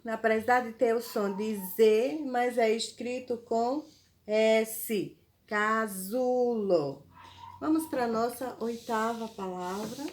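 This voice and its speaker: A woman teacher, giving a spelling lesson to children slowly and patiently, spelling out syllables. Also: fairly high pitch. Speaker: primary school teacher.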